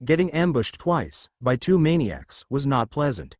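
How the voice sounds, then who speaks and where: A man reading fan fiction aloud in a steady storytelling manner. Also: medium pitch, a little slow, no echo, studio quality.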